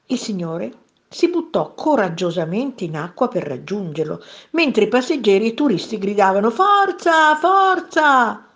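A woman narrating a children's story in a playful, expressive way. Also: mid-range voice, normal speed.

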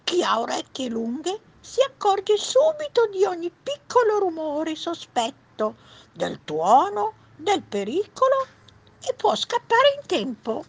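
A woman's voice: very high-pitched, huge pitch swings, slow pace, vocal fry, pitched above the performer's own voice, full character voice. A woman voicing a jumpy, alert little rabbit, eager and emphatic, in a children's storybook reading.

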